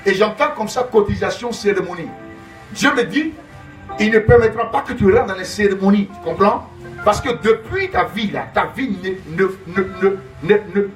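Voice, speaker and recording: A man's voice: high-pitched, expressive, normal speed, faint music behind. A man preaching as a prophet, emphatic and repetitive, calling out names and Alléluia in call-and-response.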